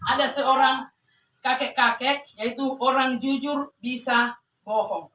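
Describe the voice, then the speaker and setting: A woman preacher delivering a sermon, shouting and exhorting the congregation. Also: high-pitched, steady tone, measured pace, distant mic. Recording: echoey hall, mic from afar.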